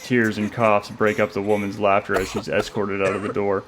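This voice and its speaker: A man reads a dark story aloud with a low voice that barely rises or falls. His delivery is steady and measured, calm even through tense scenes. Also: noisy background. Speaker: narrator. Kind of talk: scripted story narration.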